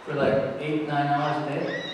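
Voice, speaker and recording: A middle-aged man, a pastor, giving a children's sermon with gentle questions to children seated around him. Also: on the high side, completely flat delivery, a little slow, heavy background noise. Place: large church sanctuary, indoors. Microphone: distant camera. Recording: echoey church hall from far off.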